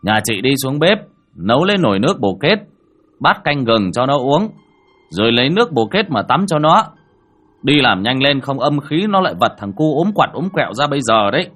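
A gruff old villager, as a male storyteller puts him on, loud and blunt, his husky voice swinging up and down as he scolds. Soft music hums underneath. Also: fairly low pitch, very animated, normal speed. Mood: stern. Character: gruff old village man, short-tempered.

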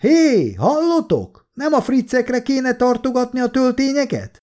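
A man voicing a brash, profane young male soldier who wisecracks and yells in an audiobook. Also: mid-range voice, big pitch swings. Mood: shouting. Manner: profane, shouting, cocky.

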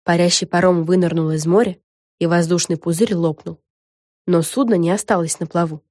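A woman narrating a children's storybook in an expressive, lively reading. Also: lowish voice, moderate pace, no room sound, studio quality. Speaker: audiobook narrator.

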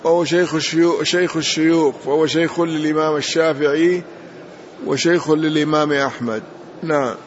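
A man's voice: fairly high pitch, fairly even intonation, fairly quick, slight background noise. A man teaching as sheikh, explaining a text line by line, correcting the reader and often saying "yes". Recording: dull lo-fi lesson recording.

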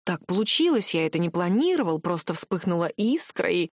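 A woman's voice: on the low side, big pitch swings, a little fast, no room sound, studio quality, voice pushed down. A woman reading aloud, voicing a flustered middle-aged male professor who defends himself and protests. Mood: defensive. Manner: protesting, pleading, whiny.

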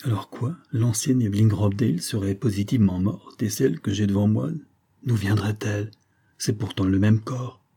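An anxious young husband in an audiobook, pressing with urgent questions, as a man reads his part. His voice is low, dark and slightly husky. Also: moderate pace.

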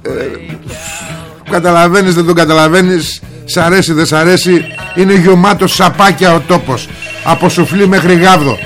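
Male talk-radio host, high voice, mocking and combative political rant, faint music underneath. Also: steady tone, fairly bright tone. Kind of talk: political commentary monologue.

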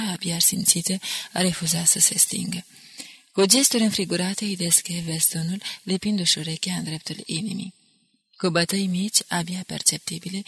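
A woman reading an audiobook in a measured, dramatic narration. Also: fairly low pitch, fairly bright tone, breathy edge, dry recording.

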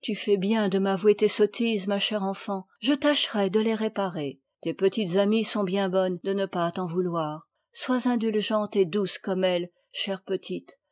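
A woman reading aloud, voicing a gentle, dignified aristocratic mother who speaks tenderly and courteously. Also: medium pitch, a little slow, few pauses, lightly acted.

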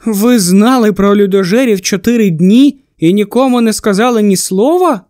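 A man's voice: high-pitched, a little mellow, no room sound, clean studio sound, lightly acted. A man voicing a stern, incredulous constable. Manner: slow, pointed questioning. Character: stern, incredulous small-town constable, male.

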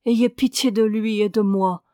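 A woman's voice: medium pitch, fairly even intonation, measured pace, mellow, dry recording, studio quality, natural voice. A woman voicing a grieving young woman, tender and fearful, who speaks in a pleading, sorrowful way. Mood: anxious.

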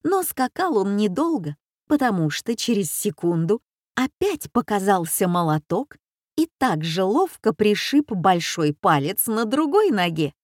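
A woman reading a children's story aloud in an expressive, dramatic way. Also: medium pitch, measured pace, no echo, studio quality.

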